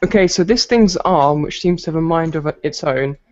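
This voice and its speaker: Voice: medium pitch, normal speed. A game master running a tabletop game, chatty and joking, often correcting themself mid-sentence. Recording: dull lo-fi recording with faint noise.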